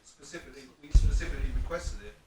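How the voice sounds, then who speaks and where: A man, a football supporter, pressing his case at a fans forum in an insistent, persuasive way, often speaking quietly. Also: on the high side, steady tone, very fast, a little hiss or hum.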